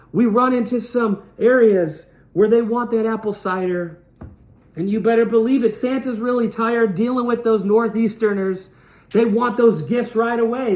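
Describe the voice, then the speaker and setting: A man giving a playful, rambling product demo as a salesman, repeating his jokes as he goes. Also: a little mellow. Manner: rambling, jokey, repetitive sales pitch. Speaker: knife sales representative. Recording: echoey room.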